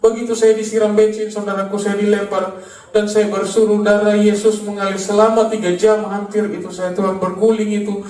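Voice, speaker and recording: A man's voice: high-pitched, level tone, brisk, darkish tone, roomy sound, far from the mic. A man from Makassar, a former gangster, gives a fervent preached testimony and keeps calling his listeners "brother". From Makassar, Indonesia. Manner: fervent, addresses listeners as "saudaraku" over and over.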